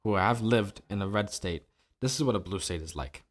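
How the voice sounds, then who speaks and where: A low-pitched man from New Jersey carries a one-man political commentary podcast. He talks in a sarcastic, opinionated way and throws out rhetorical questions at his listeners. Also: normal speed. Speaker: podcast host. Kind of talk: solo political commentary monologue.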